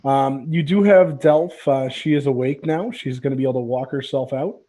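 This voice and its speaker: A man's voice: mid-range voice, moderate pace, mellow. A man acting as game master, explaining rules and outcomes to players in a playful, teasing way on a live stream. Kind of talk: narrating a tabletop game. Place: home studio, live stream.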